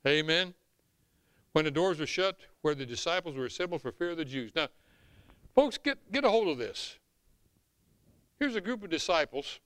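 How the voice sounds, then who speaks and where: A middle-aged or older man preaches with a Southern US accent. His voice is somewhat high, bright and clear, with a dry, close sound. He delivers scripture and commentary in a folksy, emphatic sermon style. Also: animated, moderate pace, long pauses, dry recording. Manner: emphatic, folksy, swinging from hushed asides to shouts. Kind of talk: animated sermon with scripture reading.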